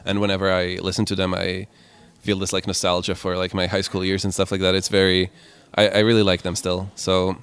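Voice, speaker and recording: A young man in his twenties from Croatia, answering interview questions in a relaxed, rambling way. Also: low-pitched, a little fast, few pauses, clean tone. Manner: relaxed, rambling with many "like" and "kind of" fillers. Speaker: musician guest.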